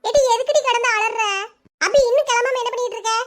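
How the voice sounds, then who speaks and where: A woman's voice: extremely high pitch, steady tone. A woman voicing a harried, scolding village mother in a cartoon, with a southern Tamil Nadu accent. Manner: brisk, scolding. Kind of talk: cartoon voice acting.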